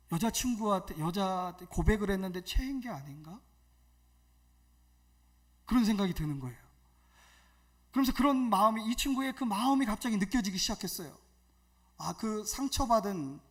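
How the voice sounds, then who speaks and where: A man's voice: sits high, fairly bright tone. A middle-aged man preaching a sermon as a pastor, telling a personal story with emphatic, rising exhortations.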